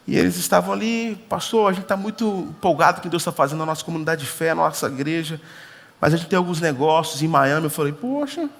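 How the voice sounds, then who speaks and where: High-voiced pastor guy, jokey storytelling sermon, big echoey church hall. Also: fast talker, creaky. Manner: animated, acts out dialogue, humorous asides.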